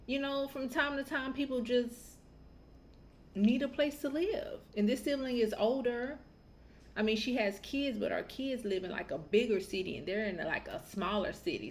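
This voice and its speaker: A woman's voice: fairly low pitch, creaky, slight background noise. A woman raised in the Southern United States, hosting a podcast and telling a family story in a candid, opinionated, chatty way. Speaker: podcast host. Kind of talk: casual podcast monologue.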